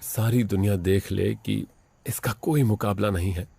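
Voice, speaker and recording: A man narrating a wildlife documentary in a dubbed voice-over, excitedly commenting on animals as they chase and fight. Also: on the low side, a little slow, vocal fry, husky, no echo. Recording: with loud background music.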